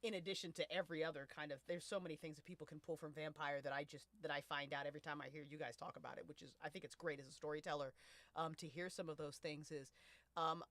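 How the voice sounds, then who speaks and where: An American woman in her late 20s to early 30s hosts a podcast, chatting casually on a panel with emphatic, slangy phrasing and plenty of swearing. Her voice is low and a bit bright, with a steady tone and a quick pace. The recording has no room sound.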